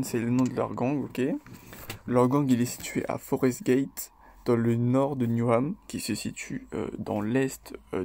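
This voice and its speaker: A man hosting his own video, talking through rap lyrics in a loose, chatty way, hesitating often and tagging his points with quick check-ins. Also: medium pitch, creaky, a little mellow. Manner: loose and chatty, tags lines with "ok?" and "voilà"; hesitant, with frequent fillers and restarts. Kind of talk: casual spoken commentary.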